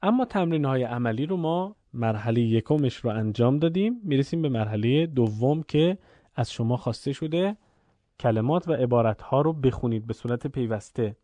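A man teaching Quran recitation rules in a calm spoken lesson, pausing to chant examples. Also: mid-range voice, no room sound. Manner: explains slowly, then chants Arabic examples.

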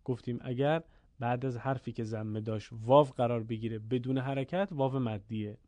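A man teaching the rules of pausing in Quran recitation, explaining calmly and stopping to chant short verses slowly. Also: mid-range voice, no echo. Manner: asks the listener questions and answers them. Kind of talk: tajweed lesson with recited examples.

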